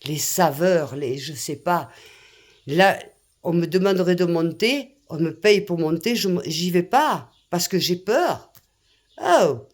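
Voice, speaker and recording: A woman's voice: fairly low pitch, lively intonation, slow pace. Indignant older woman ranting. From France. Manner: indignant, exclaiming, repetitive. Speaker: vlogger. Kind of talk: angry rant to camera.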